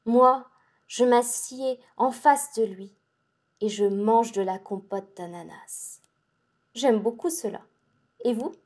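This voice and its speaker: The speaker is a woman performing a feverish young girl in a dramatic audiobook, the character lurching between rapture and dread. The soft, mellow voice sits fairly high and moves slowly, sounding pleading, breathless, urgent, excitable and intense.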